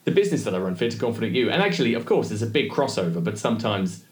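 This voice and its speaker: A man's voice: fairly low pitch, big pitch swings, racing. A man co-hosting a podcast, talking in a chatty, jokey way that often wanders off into asides. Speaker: podcast co-host. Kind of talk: casual chat. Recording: roomy echo.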